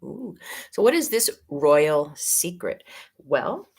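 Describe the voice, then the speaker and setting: A middle-aged woman with a Midwestern American accent, giving a spiritual teaching talk as a yoga teacher in a gentle, unhurried way that draws out key words. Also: low-pitched.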